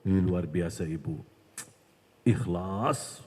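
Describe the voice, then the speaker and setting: A man voicing a sly, flattering devil that whispers temptations. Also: deep voice, takes it slowly, slightly rough, voice pushed down, full character voice. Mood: coaxing. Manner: coaxing, wheedling. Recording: long hall reverb.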